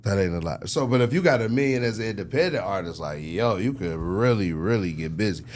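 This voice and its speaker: In an interview over distinctly noisy ambience, a man playing the role of a record label executive talks fairly quickly with a lowish, darkish voice and lively intonation. He uses informal slang and often confirms the listener is following.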